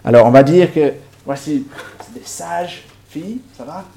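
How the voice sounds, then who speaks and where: A man, acting out a Bible story with volunteers and props, lively and lightly humorous. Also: a little high, measured pace, creaky, a little hiss or hum. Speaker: preacher.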